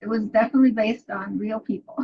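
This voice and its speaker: In a husky, mid-range voice with fairly even intonation, an older New York woman with a Brooklyn accent talks quickly about her books as an author guest. Chatty and full of stories, she laughs often in this casual interview from her bookshelf-lined home study. The sound comes through a webcam on a video call, dull and lo-fi.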